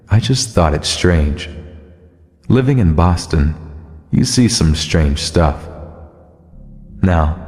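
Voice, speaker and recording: A man reading a first-person horror story as scripted narration, in a steady, low-key way. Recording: long reverb over music. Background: soft music.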